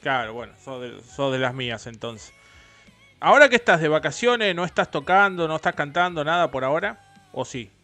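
A man's voice: fairly high pitch, expressive, moderate pace, pushed and bright, soft background music. A man in his forties with an Argentine accent, hosting a casual radio interview in a chatty, rambling, opinionated way. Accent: Argentine Rioplatense. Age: 40s. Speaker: radio host.

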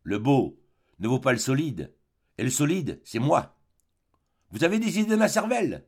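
A man's voice: medium pitch, very animated, normal speed, breathy edge. A man voicing a fierce, jealous old spinster woman who scolds in a brusque, bossy way. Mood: scolding.

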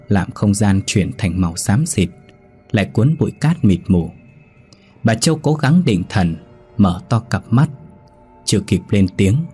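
Guy reading a ghost story, dark mellow voice, kinda husky, somber and steady. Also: lowish voice.

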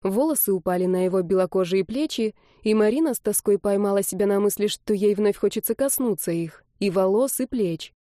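Lady reading an audiobook, warm tone, dry sound, steady delivery. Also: mid-range voice, a little fast, few pauses, no room sound. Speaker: audiobook narrator. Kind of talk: scripted narration.

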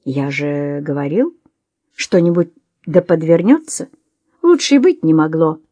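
A woman voicing a cool, cynical male swindler who talks in a slow, coaxing, amused drawl. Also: deep voice, lively intonation, mellow, no echo.

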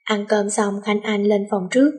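A woman narrating a novel as an audiobook, reading in a steady storytelling manner with a breathy voice. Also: mid-range voice, normal speed.

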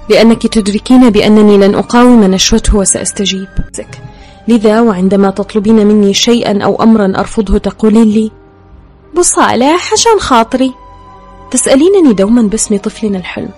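Quick-reading female audiobook narrator. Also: mid-range voice, fairly even intonation, mellow, faint music behind. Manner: intimate first-person storytelling. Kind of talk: scripted narration.

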